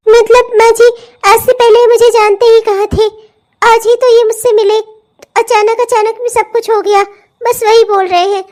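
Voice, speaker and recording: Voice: very high-pitched, little pitch movement, moderate pace, a little mellow. A voice actor playing a cheeky, scheming young bride coaxing her husband in a cartoon comedy. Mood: meek. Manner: wheedling, cheeky, self-assured. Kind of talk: cartoon voice acting.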